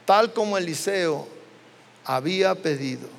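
A Mexican man preaching with a very high voice, his words trailing off into the long reverb of a church hall. He tells the story dramatically and acts out the voices of its people. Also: lively intonation, measured pace, gravelly. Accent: Mexican Spanish. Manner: dramatic storytelling, acting out biblical dialogue. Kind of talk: sermon.

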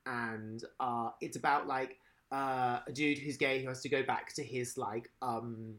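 A man in casual podcast chat, rambling and animated, swearing now and then. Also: medium pitch, a little slow.

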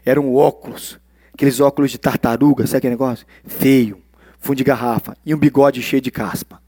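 A man preaching a sermon as a pastor, animated, swinging from loud exclamations to hushed asides. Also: medium pitch, a little fast, no echo.

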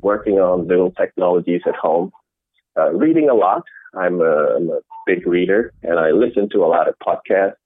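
A middle-aged man from the Netherlands answering interview questions in a measured way, often restarting his sentences. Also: sits low, dry recording. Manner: measured, with frequent restarts and fillers. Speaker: interview guest, innovation executive. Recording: dry, tinny phone-like call audio.

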